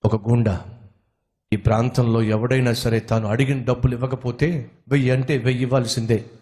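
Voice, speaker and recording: A man voicing a humble, limping man who speaks gently and earnestly. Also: mid-range voice, level tone, moderate pace, lightly acted. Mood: calm earnest.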